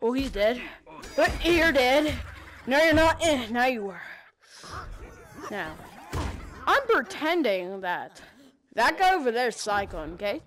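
A woman giving casual gameplay commentary, excitable and swearing, making silly sound effects. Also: a little high, slow, long pauses, a little hiss or hum. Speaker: gamer playing on stream.

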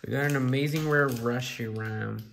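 A young man with a creaky, gravelly voice hosts a casual card pack opening. He banters in loose slang and swears freely. There is light background noise with crinkling wrappers. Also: mid-range voice, moderate pace, a bit bright. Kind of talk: casual chat while opening card packs. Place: indoors at a tabletop.

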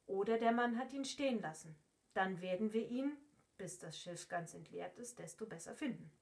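A woman reading the part of a gruff grown male ship's stoker who talks bluntly and matter-of-factly. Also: medium pitch, animated, normal speed, a little mellow.

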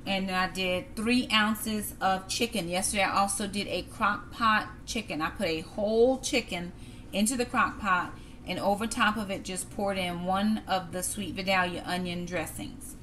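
Cooking in her home kitchen, a middle-aged woman chats casually to her viewers, addressing them as "y'all" in a cook-with-me video. Her mid-range, slightly bright voice has fairly even intonation and a moderate pace, recorded by a counter-top camera with a little hiss or hum and the clatter of dishes, pans and cutlery behind her.

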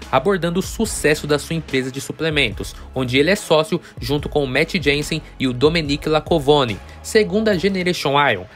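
A Brazilian man hosting a bodybuilding news channel, narrating casually and speaking directly to his viewers. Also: a little high. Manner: chatty, addresses viewers directly as friends.

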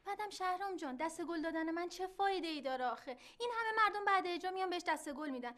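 Soothing young sister, very high voice, sitcom. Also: female voice, a bit bright. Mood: placating. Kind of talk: TV sitcom acting.

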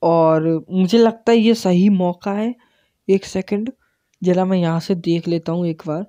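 A man's voice: high voice, unhurried, no echo, highs cut off. Jumpy man narrating a horror game. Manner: tense, excitable play-by-play mixing in English words. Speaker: gaming channel host. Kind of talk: live gameplay commentary.

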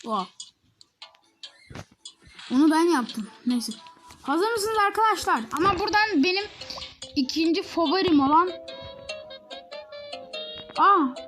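A child recording playful game commentary, often shrieking and giggling at the action. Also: extremely high pitch. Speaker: gaming video maker.

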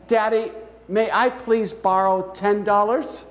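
A man's voice: high-pitched, fairly even intonation, slow pace. A man speaking as a young boy who pleads eagerly and hopefully, in a story told from the pulpit. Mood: pleading. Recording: echoey church hall.

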